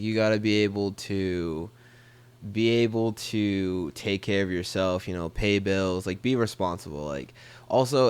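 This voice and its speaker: A man from Boston talking casually on a podcast, his low voice smooth and resonant. He keeps things laid-back and full of slang, tossing in "bro" at the end of lines. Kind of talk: casual chat.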